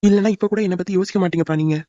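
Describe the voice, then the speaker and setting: A man's voice: high-pitched, steady tone, rapid-fire, mellow, no echo, dull audio, lightly acted. A man voicing a stubborn young son who argues with his father in a cartoon, in a heated way. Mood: defiant.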